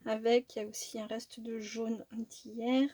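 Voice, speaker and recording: A woman's voice: on the high side, flat delivery, measured pace, mellow, dry recording. A woman casually narrating a craft tutorial at her table, thinking aloud with little fillers and self-corrections. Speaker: crafting YouTuber.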